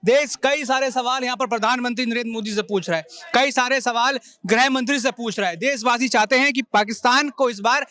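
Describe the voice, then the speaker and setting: A man's voice: very high-pitched, fairly quick, hardly any pauses, pushed and bright, clear, resonant tone. A man interviewing a guest in a news debate, pressing hard with one question after another. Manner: insistent, piles up questions.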